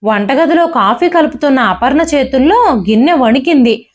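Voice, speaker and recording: A woman's voice: high voice, animated, normal speed, darkish tone. A woman telling a dramatic family story in an emotive audiobook reading. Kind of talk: audiobook narration.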